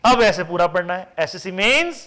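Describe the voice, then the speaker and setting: A man teaching a tax class, lively and chatty, mixing Hindi with English terms and answering his own rhetorical questions. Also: high-pitched, normal speed, crowd noise. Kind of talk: classroom lecture.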